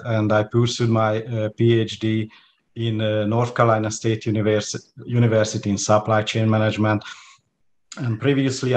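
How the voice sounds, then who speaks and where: Hungarian-accented man, 40s, guest on a video call; halting, lots of "uh"s, light background hiss. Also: lowish voice. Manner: hesitant, many fillers and restarts. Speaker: guest lecturer. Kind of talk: interview over video call. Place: home room with plants.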